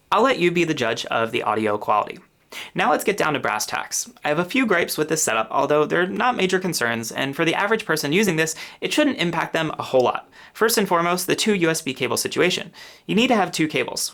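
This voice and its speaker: A mid-pitched man with a gravelly, fry-tinged voice walks through a product review in a methodical, explanatory way. He sits at a home office desk, speaking from a couple inches off a podcast microphone. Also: fairly bright tone. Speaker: gear reviewer and channel host. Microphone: podcast microphone a couple inches from mouth.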